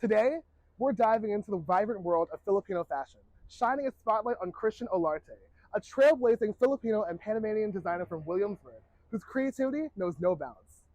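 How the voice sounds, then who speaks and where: Male feature narrator; fairly high, very lively voice, dry close voice-over, upbeat scripted read. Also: fairly quick, no room sound, muffled recording. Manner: upbeat, promotional tone. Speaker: video reporter and narrator.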